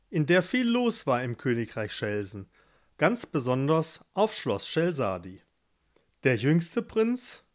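A man narrating a fairy tale in a playful, expressive way. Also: mid-range voice. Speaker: storyteller.

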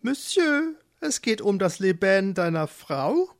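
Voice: medium pitch, big pitch swings, slow, pitched above the performer's own voice. A storyteller voicing a pompous, theatrical male flamingo who drops French phrases, for a children's storybook.

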